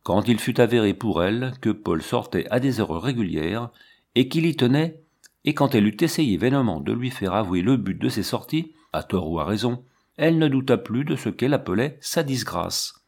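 A man narrating a classic story as an audiobook reader, in a measured way. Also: mid-range voice, expressive, darkish tone. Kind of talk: scripted literary narration.

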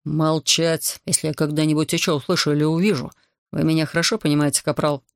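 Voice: medium pitch, little pitch movement, fast, creaky, dry recording, clean studio sound, close to an everyday voice. A reader voicing a stern, authoritative male army major who reprimands a corporal in an audiobook. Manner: commanding, clipped. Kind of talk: audiobook character voice.

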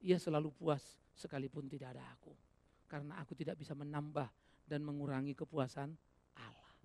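A male pastor preaching a sermon, swinging between loud exhortation and hushed asides, with many rhetorical questions to the congregation. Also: on the high side, fairly even intonation, fairly quick, creaky.

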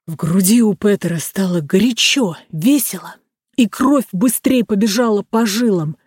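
A storyteller reading a fairy tale aloud in a measured, even way. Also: mid-range voice, slightly rough, no echo, studio quality. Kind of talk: scripted narration of a fairy tale.

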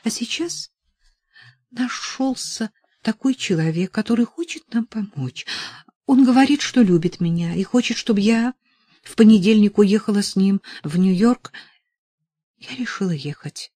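A woman reading the part of a hesitant, guilt-ridden young woman, speaking softly and haltingly. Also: medium pitch, animated, husky, no room sound, clean studio sound, voice pushed up.

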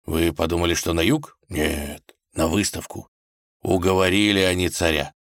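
Deep-voiced man narrating a fairy tale. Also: steady tone, moderate pace, a bit bright, no echo, clean studio sound. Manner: playful storytelling.

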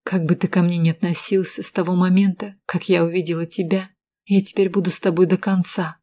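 A woman reading an audiobook, voicing a cool, calculating woman who speaks in a calm, measured and insistent way. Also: on the low side, lightly acted. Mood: cold, insistent. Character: cool, calculating woman, steady under pressure.

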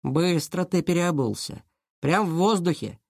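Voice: mid-range voice, lively intonation, measured pace, gravelly, darkish tone, dry recording, studio quality. A reader voicing a schoolboy detective who answers his rivals coldly and curtly. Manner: cold, curt. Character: cool-headed schoolboy detective.

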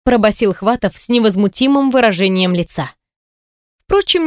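A woman narrating an audiobook in an even, measured reading. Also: mid-range voice, dry recording, clean studio sound. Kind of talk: scripted narration.

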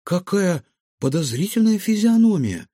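A man's voice: high voice, big pitch swings, a little slow, dark tone, no echo, clean studio sound, voice pushed up, full character voice. A man voicing a curious, eager young boy in a storybook.

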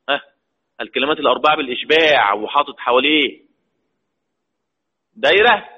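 A man with an Egyptian accent teaching Quran recitation rules, asking the class questions and answering them himself, drawing out key terms slowly. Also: on the high side, husky. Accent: Egyptian Arabic. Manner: slow, drawn-out stress on key terms. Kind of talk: lecture mixing colloquial and formal Arabic. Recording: tinny phone-like lo-fi audio.

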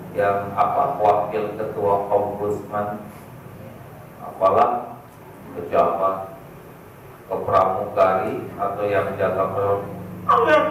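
A male preacher, giving a humorous sermon and teasing the audience with questions. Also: on the low side. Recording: echoey hall, distant mic, faint noise.

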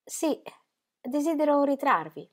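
A weary, charming painter, languid and flirtatious, drawing out his compliments with lively swings of pitch, as a woman reads him aloud. His tone stays playful and theatrical. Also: unhurried.

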